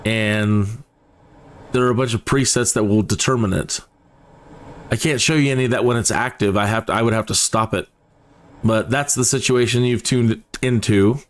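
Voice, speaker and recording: A man's voice: fairly low pitch, normal speed. A man doing casual, playful live commentary on a flight simulator stream, rambling along in a chatty way. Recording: steady background noise.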